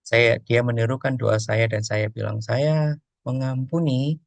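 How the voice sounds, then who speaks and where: A man's voice: lowish voice, little pitch movement, moderate pace, creaky, no room sound. A man, a pastor, teaching on emotions and prayer, telling a story and acting out prayers and dialogue.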